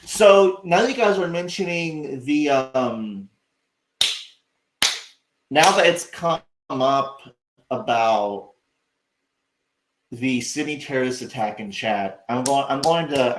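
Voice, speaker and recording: A man's voice: mid-range voice, animated, measured pace, roomy sound, a little hiss or hum, poor audio. A man hosting a livestream, rambling and sarcastic, swearing freely as he talks casually to his chat. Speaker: livestream host.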